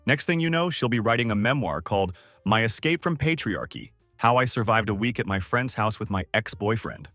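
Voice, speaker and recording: A man's voice: mid-range voice, lively intonation, a little fast, few pauses, a bit bright, no room sound, soft background music, lightly acted. A man doing a wisecracking divorced buddy. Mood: mocking. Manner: sarcastic, mocking.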